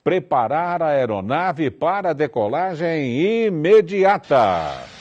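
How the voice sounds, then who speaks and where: A TV host putting on a jokey airline captain's cabin announcement, in a mock-formal tone. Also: male voice, fairly high pitch, sing-song, slow, dull audio, noisy background, voice pushed up. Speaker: TV show host.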